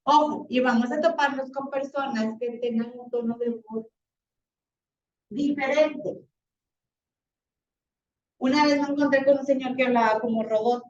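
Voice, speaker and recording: A woman teacher, slightly hoarse, lecturing a class in a chatty, animated way with many fillers. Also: high voice, unhurried, pauses often. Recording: roomy, distant, dull classroom recording.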